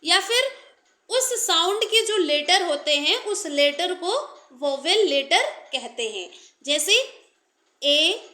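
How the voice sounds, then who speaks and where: A woman's voice: extremely high pitch, animated, slow pace, sharp tone, roomy sound. A woman teaching an English grammar lesson in Hindi and English, explaining step by step while she writes.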